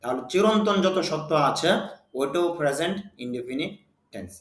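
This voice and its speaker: Guy teaching english grammar, asks himself questions then answers, kinda high voice, echoey room. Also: expressive. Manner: slow, drawn-out reading of English example sentences. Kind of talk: spoken English lesson.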